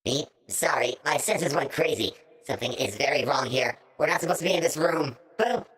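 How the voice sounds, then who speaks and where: A woman's voice: deep voice, expressive, brisk, husky. A woman voicing a nervous clown robot sidekick in a video game, glitching and blurting beeps and error calls between jittery, fearful words. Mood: glitchy panic.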